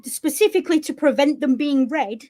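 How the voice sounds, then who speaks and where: A woman's voice: high voice, animated, normal speed, mellow, dry recording, studio quality. A woman co-hosting a podcast, giving blunt, opinionated commentary in casual chat. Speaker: podcast co-host.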